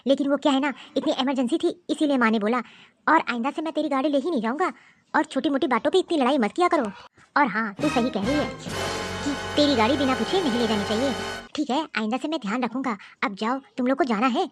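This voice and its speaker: Woman doing a calm apologetic elder brother. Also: sits high, quick pace, faint music behind, close to an everyday voice. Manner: soothing, apologetic. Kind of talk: cartoon voice acting.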